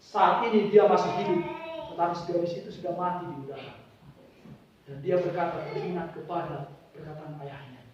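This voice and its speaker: Male preacher, high pitch, dramatic sermon storytelling, muffled and echoey recording. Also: brisk, a little hiss or hum. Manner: dramatic, swings from hushed to loud. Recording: very echoey, distant mic, dull sound.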